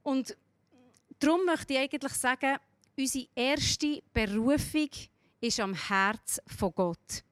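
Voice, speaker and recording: A woman's voice: high voice, fairly bright tone, dry recording. A woman with a Swiss German accent giving a sermon, telling a story and asking the listener direct questions. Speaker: speaker giving a devotional talk.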